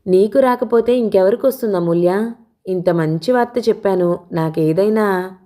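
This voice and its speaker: A woman's voice: mid-range voice, moderate pace, dark tone, lightly acted. A woman reading the lines of a cheerful, teasing young man in a spoken novel, in a playful, coaxing way.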